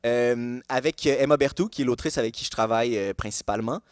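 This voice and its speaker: A man's voice: medium pitch, fast talker, clear, resonant tone, no room sound, studio quality. A man in his thirties with a Québécois accent, a comedian guesting on a live podcast, talking casually with many fillers and restarts. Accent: Québécois French. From Quebec, Canada. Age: 30s. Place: live podcast taping before an audience.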